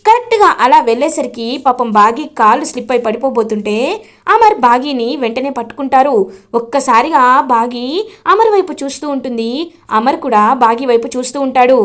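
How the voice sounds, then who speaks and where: In a lively, flowing storyteller voice, a woman recounts a television serial episode scene by scene. Her voice sits high, and she speaks fairly quickly.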